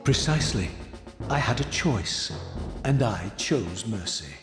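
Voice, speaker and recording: An actor playing a defiant, bitter undead wraith in a video game, speaking formally with proud scorn. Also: male voice, on the low side, expressive, unhurried. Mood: scornful, resolute. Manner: sardonic, scornful, theatrical formal speech. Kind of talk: dramatic video game voice acting. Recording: echoey hall reverb, music behind.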